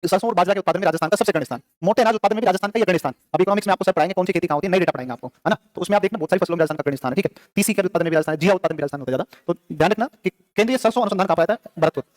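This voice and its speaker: A male teacher, lecturing a classroom, quizzing students and answering his own questions in quick repetitive drills. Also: high-pitched, dry recording.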